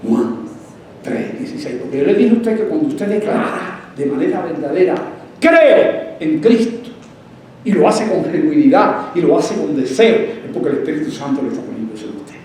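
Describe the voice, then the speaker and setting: High-voiced pastor in an echoey church. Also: male voice, animated, a little fast, warm tone, distant mic, slight background noise. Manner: asks the congregation rhetorical questions; repeats words for emphasis. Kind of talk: evangelistic sermon. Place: church sanctuary.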